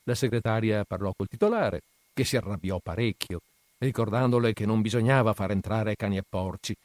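A man reading short stories aloud in an expressive, ironic storytelling manner. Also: fairly low pitch, fairly quick, dry recording. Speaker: reader.

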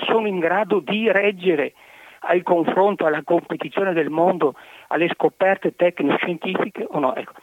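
A man's voice: high-pitched, no echo. A man calling in to a radio show over the phone, putting a careful, hedged question to the guest. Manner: careful and hedging. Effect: phone line. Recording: tinny dry phone line.

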